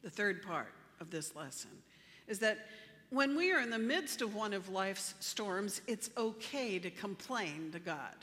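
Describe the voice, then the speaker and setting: A woman pastor delivering a sermon, with measured, emphatic phrasing. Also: mid-range voice, expressive, a bit bright, big-room sound. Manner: measured, emphatic preaching with slow deliberate phrasing.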